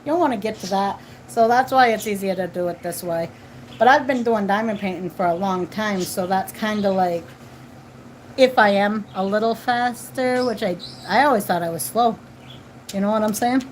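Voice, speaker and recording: Chatting easily with her livestream audience, this 40-something host talks at home while children are close by, often repeating herself and adding tag questions. She has a mid-range voice at a moderate pace, with a little background noise.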